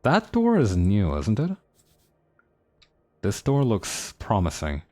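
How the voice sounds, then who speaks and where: A man thinking aloud as he streams a game. His voice is low yet lively, rising and falling freely as he muses over choices. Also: slow, faint music behind. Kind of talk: casual game commentary.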